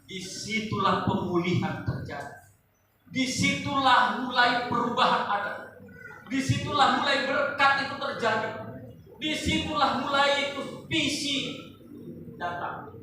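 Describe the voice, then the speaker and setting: A pastor, a man, preaching a sermon to his congregation, swinging from loud rising calls to quiet asides. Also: extremely high pitch, a little slow, slight background noise. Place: large church hall. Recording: echoey hall, voice from far off.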